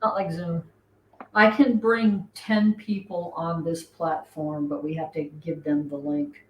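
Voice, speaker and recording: A middle-aged woman hosts a livestream in an easy, chatty way, often breaking into giggles as she greets viewers. Her voice sits a little low and sounds a bit roomy, with faint noise in the background. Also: fairly even intonation, a little slow. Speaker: host. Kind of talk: casual livestream chat. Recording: echoey room, faint noise.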